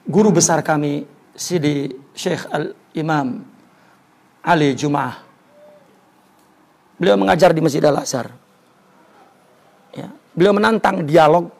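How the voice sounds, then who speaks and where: Man giving a religion class, high husky voice, rasps a lot, lively up and down. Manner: storytelling, repeats words for emphasis; recites Arabic then explains it. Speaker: religious teacher. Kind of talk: religious study lesson.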